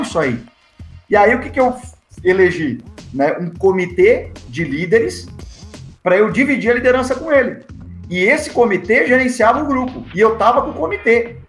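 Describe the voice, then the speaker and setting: High-voiced Brazilian man, echoey room. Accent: Brazilian Portuguese. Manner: lively, acts out the dialogue in his stories. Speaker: guest, assistant football coach. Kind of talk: casual interview storytelling. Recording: echoey room with faint music.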